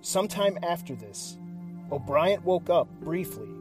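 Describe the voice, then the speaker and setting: A man narrating a scripted true-crime story in a suspenseful, measured, serious manner with deliberate dramatic pauses. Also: fairly high pitch, expressive, music in the background. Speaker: host and narrator of a missing-persons series.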